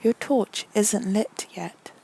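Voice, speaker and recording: In a low-quality recording, a woman with a medium-pitched voice tells a guided meditation story. She is calm and deliberate, speaking softly and breathily, nearly whispering at times, with frequent pauses between brief phrases.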